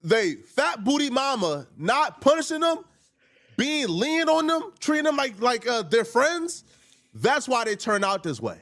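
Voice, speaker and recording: High-voiced man ranting with jokes. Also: sing-song, unhurried, fairly bright tone. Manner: joking, slangy, ranting. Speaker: livestream host. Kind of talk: casual reaction commentary.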